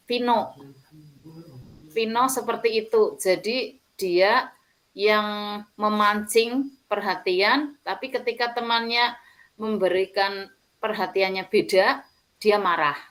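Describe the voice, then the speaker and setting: Slow-speaking teacher woman, lilt. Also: medium pitch, poor audio. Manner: slow, hesitant, with fillers and soft laughs. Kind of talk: group discussion among teachers.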